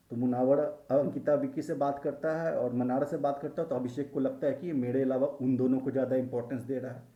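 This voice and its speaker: A man's voice: medium pitch, warm tone, highs cut off. A man giving emphatic, opinionated commentary on a reality show, with heated, repetitive phrasing. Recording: echoey room.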